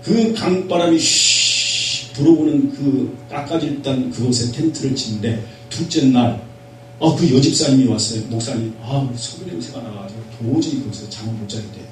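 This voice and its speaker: Fervent Korean pastor in an echoey hall. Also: male voice, medium pitch, moderate pace. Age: middle-aged. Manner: fervent preaching, swings between loud exhortation and quiet testimony. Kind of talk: revival sermon. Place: prayer retreat hall. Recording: echoey hall from far off, faint hum.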